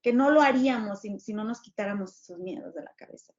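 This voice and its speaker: Speaking fast in a medium-pitched, somewhat dark voice, this podcast guest is a Mexican journalist and businesswoman in her forties. She recounts her story with earnest emphasis during the interview conversation, captured in dull, lo-fi audio.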